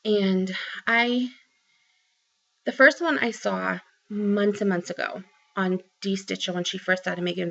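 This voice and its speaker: Talking to camera in a small room at home, this Boston-accented craft vlogger in her forties rambles about her haul, full of ums and restarts. Her lowish voice has vocal fry and some brightness. A close-up webcam gives the audio a dull, lo-fi quality.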